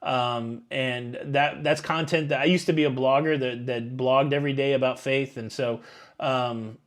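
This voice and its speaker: With a medium-pitched, steady voice at a moderate pace, a man of about fifty who runs a YouTube cruise channel reads super chats on a live stream. He answers the viewer questions chattily and at length, using plenty of fillers.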